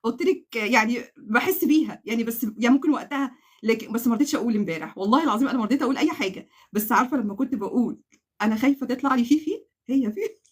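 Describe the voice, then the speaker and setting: Egyptian woman, live-stream crochet host, high voice, quick excitable talk full of laughter and oaths. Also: breathy edge. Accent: Egyptian Arabic. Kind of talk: live-stream giveaway chat.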